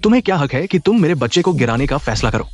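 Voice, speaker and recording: A man's voice: a little high, big pitch swings, very fast. A man voicing a bitter, manipulative young male lover in a dubbed drama, taunting and resentful.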